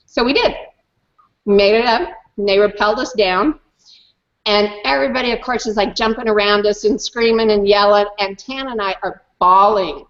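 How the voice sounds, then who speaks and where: Woman guest, animated storyteller, emphatic; slightly muffled call audio. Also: medium pitch. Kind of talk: personal story in an online hangout.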